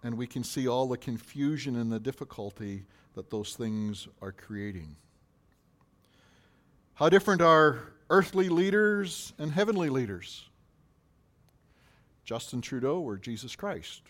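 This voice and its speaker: A pastor preaching a sermon, asking questions in a rising voice and answering them more quietly. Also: male voice, medium pitch, animated, measured pace, long pauses.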